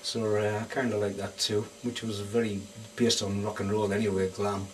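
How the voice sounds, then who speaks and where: A man's voice: on the low side, flat delivery, moderate pace. A man with a Northeast English accent, a band guitarist chatting easygoing and rambling in a casual interview at a lounge bar. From Sunderland, England. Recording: distant mic, faint room noise.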